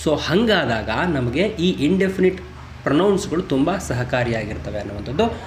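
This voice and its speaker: A man teaching grammar, reading his English example sentences slowly and deliberately. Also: on the high side, very animated, echoey room, a little hiss or hum. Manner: slow, deliberate English example sentences between quick Kannada explanations. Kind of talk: explaining grammar in a lesson.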